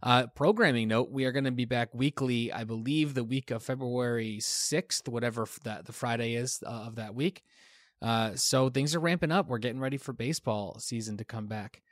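A man's voice: medium pitch, normal speed, dry recording, studio quality. A man hosting a podcast in casual chat, laughing often and filling with ums, tired from a newborn at home. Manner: laughs often, filler-heavy, relaxed. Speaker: podcast host.

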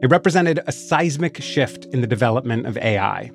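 A man's voice: mid-range voice, expressive, a little fast, creaky. A man narrating a scripted audio documentary as its host. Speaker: podcast series host. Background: guitar music.

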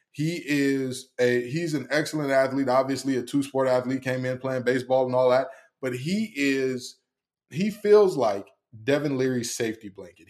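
A man hosting a solo football preview, talking emphatically with many fillers and repeated phrases. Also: medium pitch. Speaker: sports analyst host. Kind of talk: solo sports preview commentary.

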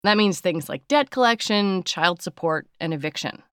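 A woman's voice: on the low side, expressive, moderate pace, a bit bright, clean tone, no echo, studio quality. A woman hosting a podcast, moving between scripted narration and interview questions. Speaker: podcast host.

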